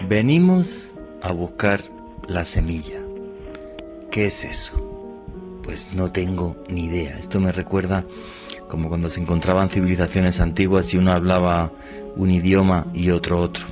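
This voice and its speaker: A man with a very low voice hosts a late-night mystery program, asking questions and musing aloud. He speaks in a measured way, with music playing beneath him. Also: flat delivery. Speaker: radio host. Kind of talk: mystery show hosting.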